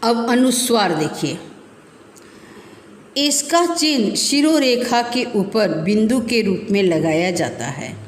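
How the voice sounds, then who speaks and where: A woman teacher giving a recorded grammar lesson to children, explaining slowly and repeating terms. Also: fairly high pitch, sing-song, a little hiss or hum. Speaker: school teacher. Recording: echoey room with long reverb.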